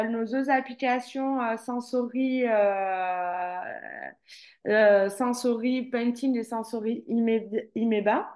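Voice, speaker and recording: A woman trainer presenting a webinar, talking through it with many fillers and restarts. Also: fairly high pitch. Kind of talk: online presentation.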